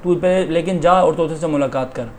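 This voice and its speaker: A man voicing a wise old holy man in a folk tale, speaking calmly and fatherly as he sets his conditions. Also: on the high side, a little fast, slight background noise, close to an everyday voice.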